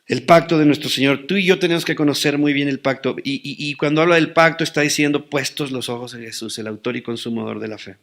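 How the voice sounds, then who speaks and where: A man's voice: mid-range voice, fast, vocal fry, few pauses, fairly bright tone. A man preaching a sermon as pastor, asking rhetorical questions and answering them with rising emphasis.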